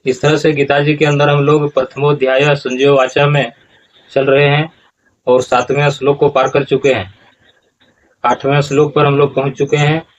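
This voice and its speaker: A man explains how to pronounce scripture verses correctly, going over each phrase slowly and saying it again and again. His voice sits at an ordinary middle pitch. The recording sounds a little dull and lo-fi. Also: flat delivery. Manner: slow, deliberate, repeats phrases. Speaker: teacher of scripture recitation.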